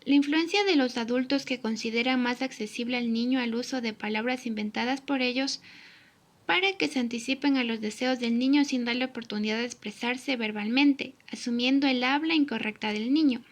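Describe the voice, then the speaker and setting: A woman's voice: fairly high pitch, fairly quick. A young woman student reading a language tutorial aloud from a script, steadily spelling out examples. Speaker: student presenter. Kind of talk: read-aloud tutorial narration.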